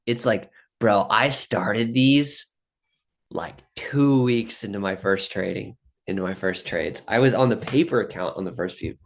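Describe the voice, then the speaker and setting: A man's voice: fairly low pitch, measured pace. Rambling young man vlogging trade recaps. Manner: rambling, swears a lot, says bro and dude. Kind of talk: casual monologue to camera.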